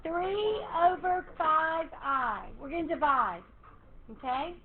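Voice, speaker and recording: Woman, math teacher, classroom lecture, encouraging, lively, tinny phone-like sound, faint hiss. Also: high voice, slow.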